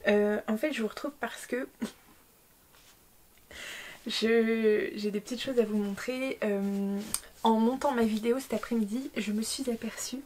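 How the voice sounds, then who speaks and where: A woman's voice: fairly high pitch, steady tone, slow pace, long pauses, darkish tone. A young woman with a French accent chatting casually to camera about books she bought, full of fillers, restarts and self-mocking asides. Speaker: book vlogger.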